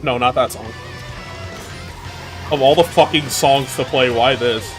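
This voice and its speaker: A man with a New York accent chatting casually while streaming a racing game, swearing, laughing and reacting loudly. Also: medium pitch, fairly even intonation, unhurried, music in the background. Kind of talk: casual chat while gaming.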